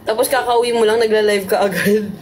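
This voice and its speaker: A woman's voice: medium pitch, steady tone, fairly quick, a little mellow, a little hiss or hum. A woman co-hosting a casual livestream, teasing and questioning her partner. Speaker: livestream co-host.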